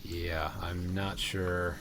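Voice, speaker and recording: A man's voice: low voice, extremely slow, a crowd in the background. A man co-commentating a live game match, his words chopped off at the ends by a noise gate. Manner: relaxed, offers tips to players. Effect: noise gate chopping off word endings.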